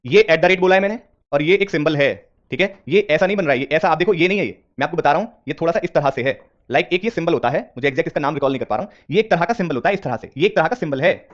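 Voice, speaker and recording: A man's voice: on the high side, expressive, very fast, highs cut off. A man teaching a reasoning class live online, repeating questions and coaxing his students with English terms mixed in.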